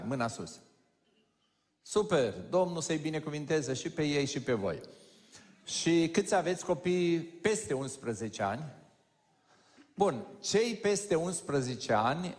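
A man preaching in a large church hall, with long reverb trailing after his words. His voice sits a little high and swings widely in pitch. He jokes and talks straight to the congregation. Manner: lively, joking, addresses the audience directly. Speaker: pastor. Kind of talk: conversational sermon to a congregation.

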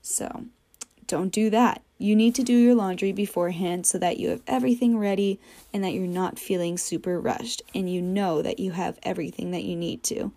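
A woman's voice: medium pitch, steady tone, normal speed, warm tone. A young woman from New England hosting a casual solo podcast, chatty and full of jokey asides. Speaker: podcast host.

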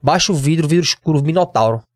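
A man in his twenties with a Northeastern Brazilian accent, telling his story as a podcast guest, slangy and animated, acting out what others said. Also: a little high, fast talker, no echo. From Pernambuco, Brazil. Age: 20s. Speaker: guest, MMA fighter.

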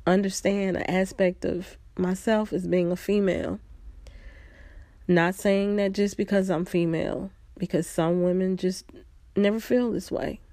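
Gravelly-voiced woman recounting a memory. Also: on the low side, dark tone, dry recording. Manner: reflective, unhurried, pausing often. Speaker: storyteller. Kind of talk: personal storytelling.

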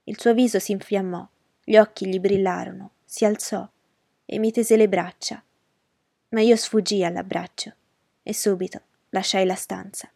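First-person heroine narrator, woman; measured, emotional delivery, warm tone, dry studio. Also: mid-range voice, fairly even intonation, vocal fry, slightly rough, dry recording.

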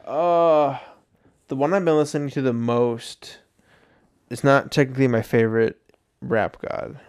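A man's voice: mid-range voice, fairly even intonation, measured pace, a little mellow, clear, resonant tone, no echo, studio quality. A man co-hosting a comedy podcast, bantering and teasing his friend, with casual swearing. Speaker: podcast co-host.

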